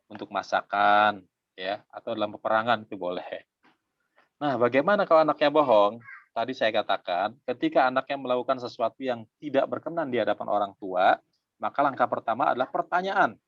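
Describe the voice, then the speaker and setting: A middle-aged man giving a conversational parenting talk, acting out parent and child in quick exchanges. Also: on the low side, dry recording, dull audio. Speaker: parenting speaker.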